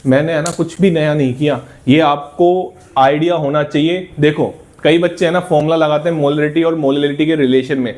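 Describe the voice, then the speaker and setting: A man's voice: a little high, steady tone, normal speed, few pauses, darkish tone. A male chemistry teacher working through an exam problem step by step, encouraging students and asking then answering his own questions.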